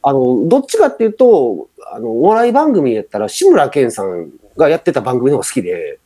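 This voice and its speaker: A man's voice: mid-range voice, big pitch swings, a little fast, warm tone. A middle-aged man with a Kansai accent, chatting casually as a podcast co-host and rambling with many fillers. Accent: Kansai Japanese. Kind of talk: casual chat.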